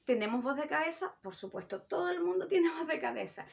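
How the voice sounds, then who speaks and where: A woman's voice: sits high, animated, a little fast, gravelly. A middle-aged woman, teaching a vocal technique lesson and demonstrating sounds as she explains. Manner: demonstrative, with sung vowel and animal-sound examples. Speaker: voice coach.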